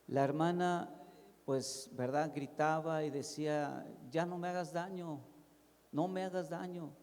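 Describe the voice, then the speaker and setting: A man's voice: a little high, dark tone, in a large hall. A man with a Mexican Spanish accent, a pastor telling a story in a sermon, acting out the dialogue and calling his listeners "hermanos". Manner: vivid storytelling with quoted dialogue, addresses audience as hermanos. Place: church sanctuary.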